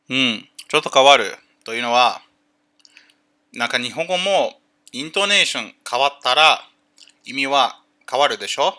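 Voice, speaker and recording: A man chatting casually on a livestream, greeting viewers and explaining things haltingly with many fillers. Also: mid-range voice, pushed and bright. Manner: greets chat viewers by name.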